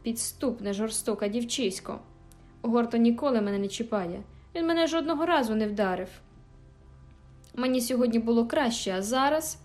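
A woman's voice: fairly high pitch, expressive, moderate pace, darkish tone, close to an everyday voice. Storybook sick boy, petulant and spiteful, voiced by a woman, faint music under. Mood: self-pitying. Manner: whiny, petulant, taunting. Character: sickly, spoiled, spiteful teenage boy.

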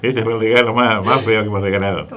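Chatting casually on the radio as a co-host, an Argentine man spins loose, colloquial stories peppered with "¿viste?". He talks quickly in a lowish, fairly bright voice with a steady tone.

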